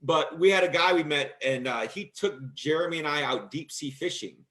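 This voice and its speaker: A man hosting a casual talk show with a fairly high voice. He tells long stories in a lively, animated way, raising his voice to act out what others said. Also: moderate pace. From Michigan, USA. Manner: animated, acts out quotes in a loud voice. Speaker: host. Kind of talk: casual storytelling chat.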